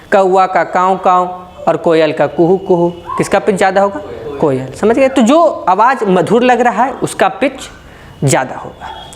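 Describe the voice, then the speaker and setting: Man teaching physics. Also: high voice. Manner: asks questions and answers them himself, with frequent checks like "right?"; folksy, uses everyday examples. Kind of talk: classroom lecture.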